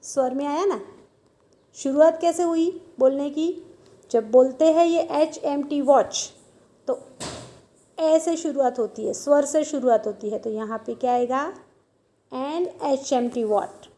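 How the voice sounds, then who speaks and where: A woman's voice: high voice, a little slow, dark tone. A woman teaching a grammar lesson, asking questions and answering them herself, repeating each point.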